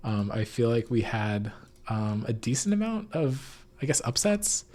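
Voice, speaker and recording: A man hosts a casual esports recap podcast from an unfurnished room at home, where his voice echoes and reverberates. He speaks informally and hedges, his mid-range, darkish voice sing-song and unhurried.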